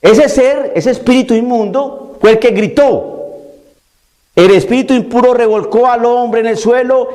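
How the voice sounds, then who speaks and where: A man's voice: very high voice, a little slow, darkish tone. A man preaching a sermon, emphatic and repetitive, mocking the views he argues against.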